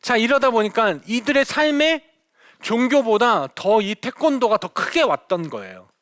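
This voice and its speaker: A middle-aged man, a missionary, telling stories to an audience in a lively lecture, acting out the dialogue. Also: extremely high pitch, unhurried, no room sound, studio quality. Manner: animated storyteller, acts out quoted dialogue.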